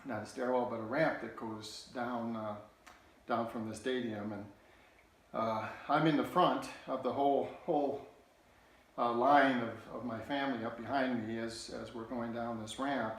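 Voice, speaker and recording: A man telling a personal childhood story in a halting, earnest way, often restarting his sentences. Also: mid-range voice, steady tone, a little hiss or hum. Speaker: political candidate. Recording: very echoey room.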